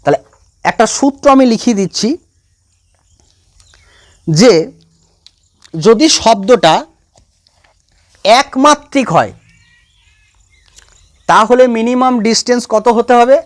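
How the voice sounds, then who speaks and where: High-voiced science teacher lecturing. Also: male voice, animated, slow pace, long pauses. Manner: repeats key points and quizzes students. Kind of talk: classroom lecture.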